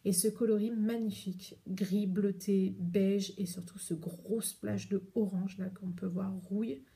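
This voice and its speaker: A woman's voice: mid-range voice, fairly even intonation, a little slow, warm tone. A French woman hosting a knitting podcast, chatting casually and rambling with many hesitations as she shows her yarn. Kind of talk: casual chat showing yarn to camera.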